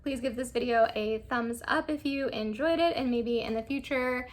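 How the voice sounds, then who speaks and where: A woman's voice: a little high, moderate pace. A young woman chatting casually through a makeup try-on, rambling with lots of fillers. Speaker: beauty vlogger.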